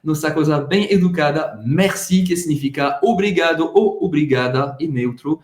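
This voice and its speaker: A man teaching phrases, saying each one slowly and clearly for learners. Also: a little high, echoey room. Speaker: French teacher. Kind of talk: casual bilingual language lesson.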